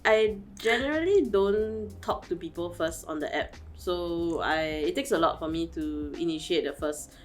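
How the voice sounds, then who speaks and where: A woman in her thirties giving thoughtful, measured answers in an interview. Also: on the low side. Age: 30s.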